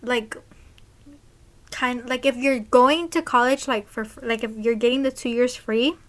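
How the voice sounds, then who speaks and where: A woman's voice: fairly high pitch, fairly even intonation, unhurried. A young woman in her late teens co-hosting a casual podcast, rambling and leaning on constant "like" fillers. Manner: rambling, filler-heavy with lots of "like". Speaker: podcast co-host. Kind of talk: casual chat.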